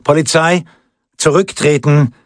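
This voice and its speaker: A male audiobook reader voicing a male police chief who calls out orders loudly to a crowd, with a husky voice. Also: fairly high pitch, steady tone, a little slow, dry recording, pitched above the performer's own voice, natural voice. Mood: commanding.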